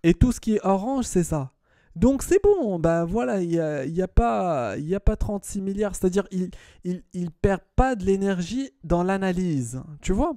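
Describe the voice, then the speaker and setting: Man, math tutor, patient, repeats himself, asks if she follows, mellow tone, raised pitch, dry sound. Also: animated, normal speed, no room sound. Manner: patient, repeats words and checks understanding.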